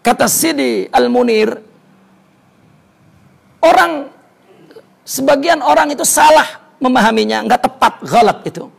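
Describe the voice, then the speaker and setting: A man's voice: very high-pitched, animated, measured pace, gravelly, long pauses, husky. A man teaching a religious study lesson, telling stories, repeating words for emphasis and reciting Arabic before explaining it.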